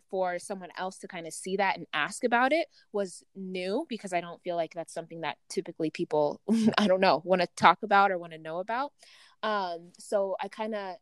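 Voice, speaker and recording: A woman from Uganda hosting an interview, animated and hesitant with restarts. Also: fairly low pitch, clear, resonant tone, no echo. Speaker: interviewer, host. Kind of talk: conversational interview.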